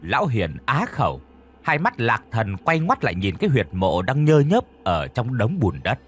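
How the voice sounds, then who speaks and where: A man's voice: mid-range voice, wildly swooping pitch, normal speed, fairly bright tone, breathy edge. A man narrating a horror story in a vivid, dramatic style.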